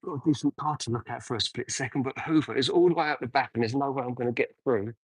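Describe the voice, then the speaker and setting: A man's voice: mid-range voice, quick pace, breathy edge, no echo. A man live-streaming as he details a car, chatting casually and answering viewer comments as he works. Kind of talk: casual live-stream chat while working.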